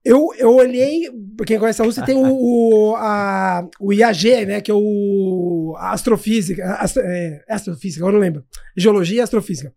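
A man chats on a casual podcast and tells a story with animated energy. He repeats his phrases as he builds it up. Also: sits high, a little fast. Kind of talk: casual chat.

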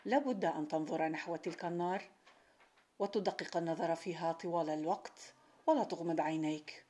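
A woman reading the part of a wise, kind old village sheikh who speaks calmly and reassuringly in a storybook narration. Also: deep voice, fairly quick. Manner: calm, reassuring.

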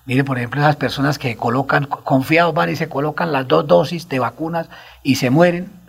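A man's voice: a little high, brisk, vocal fry, slightly rough. A Colombian man on a radio talk show, telling stories in an agitated, rambling way and repeating himself.

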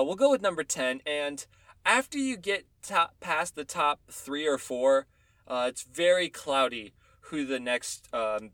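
A man's voice: on the high side, fairly bright tone, no room sound. A man hosting a casual fantasy football talk, counting down his top ten picks and backing them with opinions and stats. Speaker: fantasy football podcast host.

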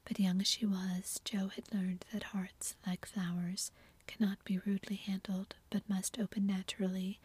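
A woman reading an old novel aloud in a calm, measured whisper. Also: mid-range voice, breathy edge. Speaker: reader.

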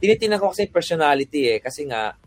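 A man with a somewhat high voice chats as a guest on a podcast. He tells work stories in a relaxed, meandering way. He often mixes English phrases into his talk. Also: quick pace, a little hiss or hum. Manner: relaxed storytelling, mixing English in. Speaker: guest photographer. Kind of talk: casual podcast chat.

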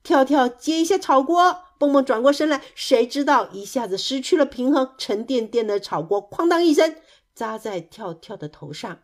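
A woman reads a children's story aloud with lively, expressive delivery. Her voice sits fairly high. She tells the tale as a practiced storyteller. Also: moderate pace. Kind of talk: storybook narration.

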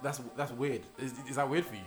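A man's voice: medium pitch, fairly even intonation, music in the background. A man co-hosting a podcast, chatting casually and telling stories full of slang. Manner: fast, chatty storyteller using slang. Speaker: podcast co-host. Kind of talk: casual chat.

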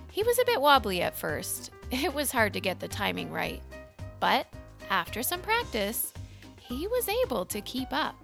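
A woman narrating a children's storybook in an animated, expressive way. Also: on the high side, gravelly.

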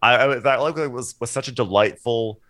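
A man's voice: medium pitch, a little fast, fairly bright tone, no echo, studio quality. A man co-hosting a podcast in casual chat, talking loosely with lots of "like" and "sort of" and acting out quotes. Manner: chatty, heavy on "like" and "sort of", acts out quotes. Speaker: podcast co-host.

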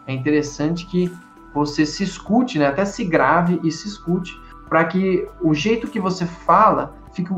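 A man whose first language is Portuguese leads an English lesson, slightly high in pitch and full of encouragement as he drills phrases. The sound is a bit dull and roomy, with faint music underneath. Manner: encouraging, repeats drills, praises often. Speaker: English teacher.

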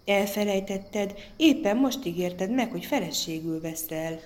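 A woman's voice: mid-range voice, animated, darkish tone, close to an everyday voice. A woman voicing a sweet little frog bride. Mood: coaxing.

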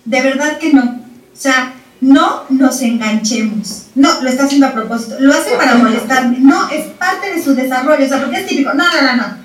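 A woman explaining child development in a lively chat, repeating words for emphasis and acting out parents and children. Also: high-pitched, normal speed. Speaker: parenting expert guest. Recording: roomy sound from a distant mic.

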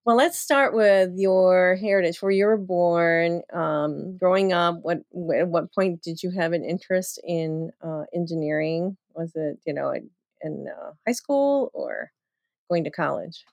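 Woman host, lowish voice, dry close sound, halting questions. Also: creaky, darkish tone, dry recording. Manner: scripted intro, then loose questions with fillers. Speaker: podcast host. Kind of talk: interview hosting.

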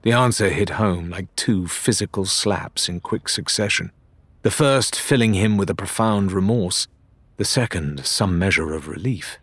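A man reading a story aloud as narrator, in measured storytelling delivery. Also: low-pitched, a bit bright, breathy edge, dry recording. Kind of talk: scripted audiobook narration.

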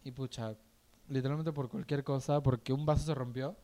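A man's voice: mid-range voice, fairly even intonation, brisk, dark tone. A man co-hosting a podcast, agreeing supportively and chiming in often during casual conversation. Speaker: podcast co-host.

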